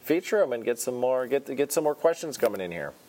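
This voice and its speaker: A man's voice: mid-range voice, big pitch swings, fast, warm tone. A man in his forties co-hosting a podcast, chatting casually and reading out listener emails. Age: 40s. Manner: easygoing, reads listener emails aloud. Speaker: podcast co-host. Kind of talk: casual chat.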